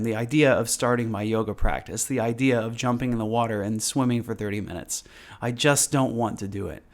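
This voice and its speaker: Man casually teaching a meditation class. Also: medium pitch.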